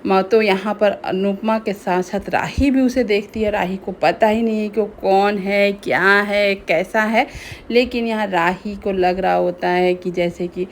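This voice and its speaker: A woman's voice: mid-range voice, steady tone, unhurried, slight background noise. A woman casually recapping a TV serial episode, retelling scenes in a chatty way with frequent fillers.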